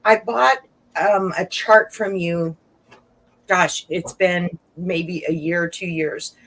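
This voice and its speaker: A woman's voice: fairly low pitch, fairly even intonation, takes it slowly, a bit bright, low-quality recording. A woman co-hosting a live online sales show, chatting casually and asking friendly, enthusiastic questions. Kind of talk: casual chat.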